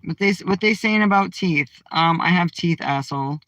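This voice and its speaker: A woman's voice: lowish voice, normal speed, a bit bright, no echo, rough recording. Brash, outspoken woman livestreamer. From Massachusetts. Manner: brash, outspoken, trash-talking. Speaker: livestream host. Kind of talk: casual live chat reading comments. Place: in a car.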